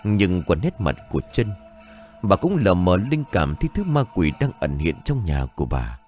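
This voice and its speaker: A man narrating a scripted horror story in a slow, suspenseful reading voice. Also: deep voice, very animated, darkish tone. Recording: music bed behind the voice. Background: faint music.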